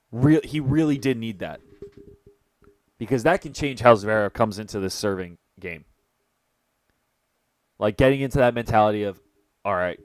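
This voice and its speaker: Low-voiced excitable man commentating tennis. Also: no room sound. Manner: chatty, excitable, jokes with people off mic. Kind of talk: casual live-stream commentary.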